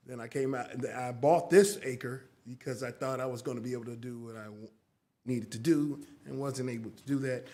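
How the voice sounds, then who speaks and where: A man in his fifties speaking as a resident in public comment at a city council meeting, halting and restarting often. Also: medium pitch, darkish tone. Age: 50s. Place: council chamber.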